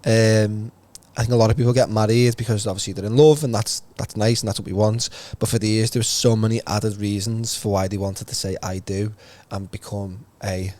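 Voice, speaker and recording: A man, co-hosting a podcast in casual chat and telling stories in an animated way. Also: on the low side, brisk, hardly any pauses. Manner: chatty, animated storyteller. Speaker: podcast co-host.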